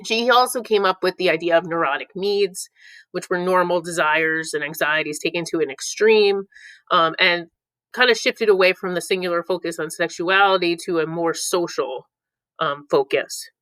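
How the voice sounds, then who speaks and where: A woman's voice: on the low side, moderate pace, fairly bright tone, no room sound, rough recording. A woman teaching a review lesson, playful, breaking into silly voices for the clues between explanations. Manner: playful, reads clue lines in put-on voices.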